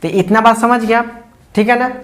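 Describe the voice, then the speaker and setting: This is a teacher talking a class through a lesson at a steady middle pitch. They keep firing off little check-in questions and then answering them, and they repeat the key words slowly and patiently. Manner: quizzing tone, constantly asks "ठीक है ना?" and answers own questions; slow, repetitive step-by-step explanation. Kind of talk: explaining English lesson to students.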